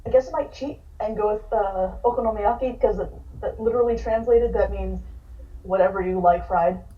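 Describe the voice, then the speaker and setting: A woman from California, a game designer, introducing herself hesitantly with many pauses. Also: medium pitch. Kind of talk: casual panel self-introduction. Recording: distant, dull lo-fi call audio.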